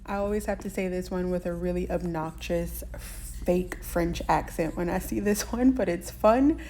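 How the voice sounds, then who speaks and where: A woman's voice: lowish voice, moderate pace, warm tone, slight background noise. A woman hosting a shopping channel who explains how to say tricky words in a chatty way, laughing lightly now and then. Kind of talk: casual explanatory lesson.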